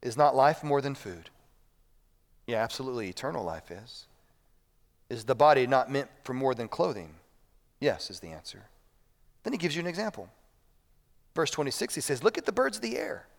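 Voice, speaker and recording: A man, a pastor preaching a sermon, moving between hushed moments and loud appeals. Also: mid-range voice, big pitch swings, moderate pace, pauses often. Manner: preaching with big swings between quiet and loud. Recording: long reverb of a hall.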